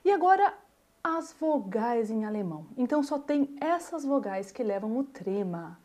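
Woman, language teacher, mellow fairly high voice, repeats example words. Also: very animated. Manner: models words slowly, repeats them. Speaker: German teacher. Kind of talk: pronunciation lesson.

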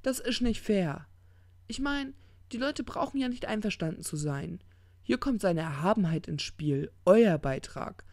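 A reader raises the voice to play a smug, tipsy demon who rambles and trips over his own words. The tone is gravelly and dark, and the recording is dry and close. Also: medium pitch, expressive, no echo, pitched above the performer's own voice. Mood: indignant. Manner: slurred, halting drunken ramble. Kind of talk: audiobook character reading.

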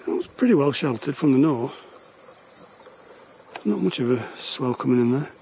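A middle-aged man narrating his sailing trip in relaxed casual talk, with frequent ums. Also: medium pitch, normal speed, poor audio. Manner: relaxed, rambling with many ums. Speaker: sailing vlogger. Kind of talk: casual travel commentary. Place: outdoors on a sailboat and on land. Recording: outdoor recording with clear background noise.

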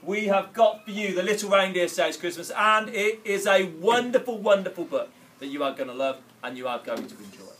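A man's voice: high voice, expressive, fairly quick, fairly bright tone, a little hiss or hum. A young adult man, a class teacher, enthusiastically introducing a story his pupils will read. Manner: enthusiastic, encouraging.

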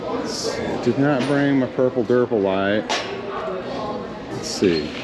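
A man's voice: mid-range voice, slow pace, over a noisy crowd. A man narrating his thrift shopping in a casual vlog, rambling and joking as he addresses viewers as friends. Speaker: thrift reseller vlogger.

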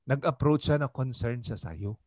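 In a Bible study taught in both Tagalog and English, a Filipino pastor talks with the group conversationally and asks them questions often. His medium-pitched voice is a little mellow, at normal speed, in a dry recording.

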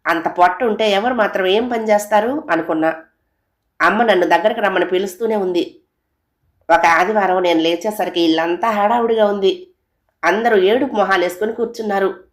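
A woman's voice: medium pitch, normal speed, reverberant. A woman narrating an audio story, reading aloud and voicing each character with small shifts.

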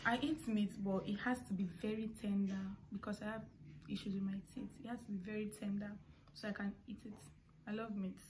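With a mid-range voice, fairly even intonation and a fairly quick pace, a young woman with a Nigerian accent vlogs to camera. She answers questions in a relaxed way, adding informal asides. The setting is an indoor family living room, and household noise is clearly heard.

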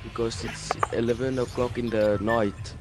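A man's voice: mid-range voice, little pitch movement, normal speed, loud music behind the voice. A man from Africa, chatting casually while gaming, hesitant and repeating himself. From South Africa. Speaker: gamer in voice chat. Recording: loud background noise over voice chat.

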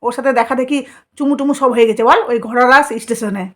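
A woman's voice: high voice, fairly even intonation, fast, a bit bright. A woman vlogger, delivering scolding, mocking commentary full of rhetorical questions. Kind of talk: commentary vlog.

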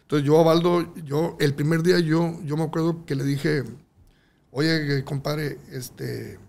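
A man tells a casual anecdote as a talk show guest, with a slightly raised voice. His tone is gravelly and creaky. He talks in a lively, slangy storyteller's manner. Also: on the high side, unhurried. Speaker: guest singer.

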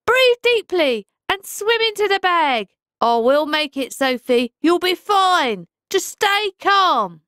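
A woman voicing a wise, kind old male pike in a storybook, speaking in a calm, gentle, reassuring way. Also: medium pitch, unhurried, no room sound, clean studio sound, voice pushed up, close to an everyday voice. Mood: urgent.

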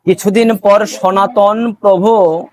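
A man's voice: sits high, steady tone, slow pace. A man preaching a devotional sermon as a story, emotional and repeating lines for emphasis.

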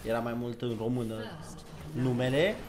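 A man's voice: medium pitch, steady tone, darkish tone, a little hiss or hum. A man hosting a casual gaming chat, talking loosely with fillers and laughs. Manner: chatty, laughing, filler-heavy. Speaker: streamer host.

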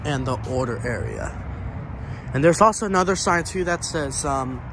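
An American vlogger who tours abandoned buildings leads a casual walking tour outdoors, moving around a building and its parking lot. His medium-pitched voice is expressive at a moderate pace, and he rambles and repeats himself. It's recorded on a handheld camera or phone, with clear ambient noise.

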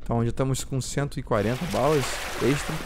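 A man with a Brazilian Portuguese accent giving let's-play commentary, jumpy and quick to yelp and swear when startled. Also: medium pitch, background noise. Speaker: gameplay streamer.

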